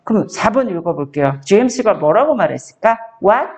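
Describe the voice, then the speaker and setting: A young woman teaching a child one-on-one in a patient, coaxing way. Her pitch swings widely as she encourages the child, and she speaks slowly, drawing out each sentence she reads aloud. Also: big pitch swings, a little mellow. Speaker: tutor.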